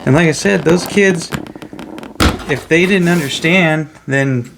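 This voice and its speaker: Slow, gravelly man rambling over crinkling bags. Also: a little high, noisy background. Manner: opinionated, rambling, counting pieces aloud. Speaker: hobby vlogger. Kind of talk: casual rambling commentary while building a set. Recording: loud crinkling of plastic bags. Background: crumpling bags and shuffling pieces.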